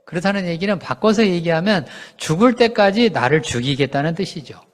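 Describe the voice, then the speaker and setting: A male pastor with a high-pitched voice delivers a conversational sermon. He keeps asking the congregation questions and answering them himself, and he acts out quoted lines in lively voices. His voice rings out with a long reverb, as in a large hall. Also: brisk.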